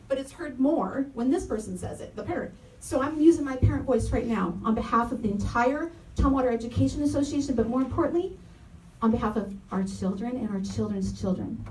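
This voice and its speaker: A woman's voice: high-pitched, darkish tone. A woman in her thirties, a parent and educator, giving an earnest, impassioned public comment at a community forum, repeating her key phrases for emphasis. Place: community meeting room, roomy and echoey. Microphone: handheld microphone, held from some distance. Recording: echoey room, distant mic, faint noise.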